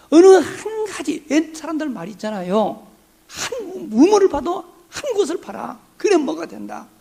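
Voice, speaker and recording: Gravelly high-voiced Korean pastor preaching. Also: male voice, a little mellow. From Honam region, Korea. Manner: conversational preaching with rhetorical questions. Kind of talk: sermon.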